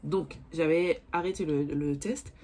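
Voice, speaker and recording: A woman's voice: deep voice, measured pace, background noise. A young woman talking casually to her viewers about makeup, rambling and cursing freely when annoyed. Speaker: beauty vlogger. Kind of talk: casual chat to camera.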